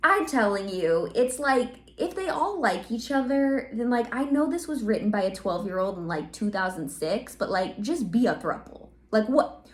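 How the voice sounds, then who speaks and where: A woman hosting a comedic reaction video, talking in a sarcastic, animated way. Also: fairly high pitch, moderate pace. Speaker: video host. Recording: roomy echo.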